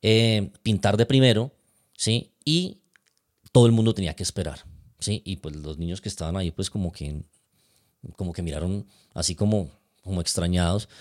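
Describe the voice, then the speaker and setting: A man, a father calmly recounting a parenting dispute to his partner, with many restarts and a habit of asking "¿sí?". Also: low-pitched, moderate pace. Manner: hesitant, many restarts, frequent tag "¿sí?". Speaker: father of twins. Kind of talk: calm personal account to partner.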